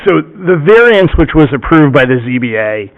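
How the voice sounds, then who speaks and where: A man representing an applicant, giving a formal, methodical presentation at a public hearing and pausing often to check in with "okay?". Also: fairly high pitch, very animated. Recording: muffled meeting-room recording.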